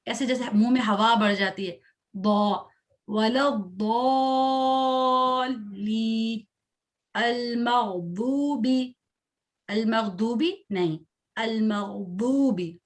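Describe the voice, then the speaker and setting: A woman teaching children Quran recitation in an online class. She recites slowly, syllable by syllable, for pupils to repeat, and quizzes them between lines with praise. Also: mid-range voice.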